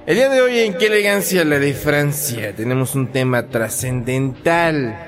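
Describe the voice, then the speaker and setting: A man's voice: a little high, expressive, moderate pace, over music. A man hosting a playful mock talk show, hamming it up in a pompous, theatrical way. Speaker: host.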